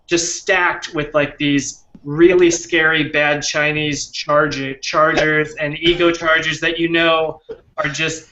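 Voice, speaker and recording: A man's voice: fairly high pitch, little pitch movement, takes it slowly, bright, forceful tone, lo-fi sound. A man telling rambling, laughing stories in casual panel chat. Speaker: panelist, vape video reviewer.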